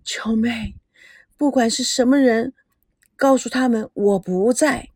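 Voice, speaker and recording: A heartbroken wife, too weak to speak above a faint voice, as a female narrator plays her. She draws out her words slowly. The sound is dry and close. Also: on the high side, darkish tone, husky, no room sound. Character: grieving wife, weak and despairing woman.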